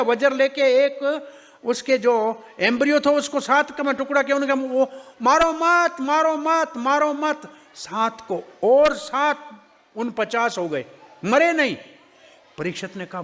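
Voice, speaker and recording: A man giving a devotional scripture discourse, telling the story with animated acting of characters and joking asides. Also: very high voice, big-room sound.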